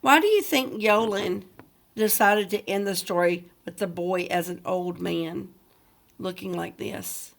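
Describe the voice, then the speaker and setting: Reading a book to her class, a teacher speaks straight to the students and poses questions as if leading a discussion. She has a lowish, creaky voice and a measured pace.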